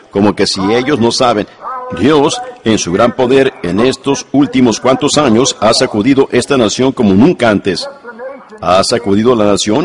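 Male preacher telling stories in a sermon. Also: medium pitch. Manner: storytelling, earnest, repetitive emphasis. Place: church service before a congregation.

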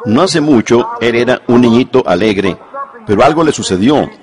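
A man voicing a frantic young mother who pleads in a hurried way about her child, with a congregation audible behind him. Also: mid-range voice, animated, a crowd in the background, natural voice. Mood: pleading.

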